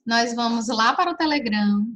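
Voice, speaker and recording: A woman with a somewhat high voice hosts a relaxed live chat. She answers viewers' questions and gives parenting advice, speaking right to her audience in a chatty, practical way. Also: moderate pace. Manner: chatty and advice-giving, often addresses listeners directly. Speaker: parenting live-stream host.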